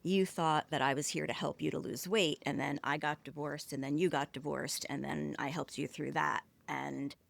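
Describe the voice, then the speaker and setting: A woman's voice: low-pitched, fairly even intonation, moderate pace, vocal fry, few pauses, no echo. A middle-aged woman speaking as a podcast guest, upset and close to tears, hesitant and apologetic. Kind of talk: casual conversation.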